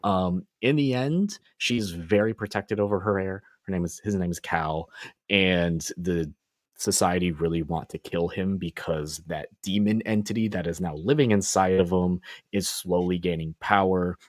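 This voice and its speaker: A man with a deep, somewhat dark voice talks at a moderate pace, recorded dry with studio quality. He hosts a casual comic book review podcast, laid-back and joking as he rambles through recaps of issues.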